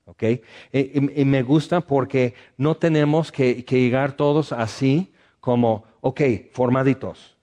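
A man preaches to his congregation at a slow, deliberate pace. His voice sits in a middle pitch and often softens as he leads them in prayer. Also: fairly even intonation. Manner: measured preaching, drops to soft prayer. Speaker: pastor.

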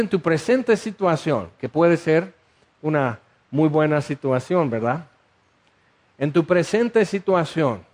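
A man preaching, his voice sitting a little high. He is animated and keeps putting questions to his listeners as he acts out the story. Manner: animated, asks the audience questions, acts out scenes. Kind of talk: sermon.

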